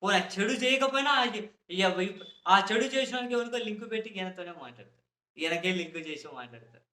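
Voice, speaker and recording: A man's voice: high voice, animated, fast, pushed and bright, roomy sound. A man giving impassioned political commentary, indignant and full of repeated rhetorical questions.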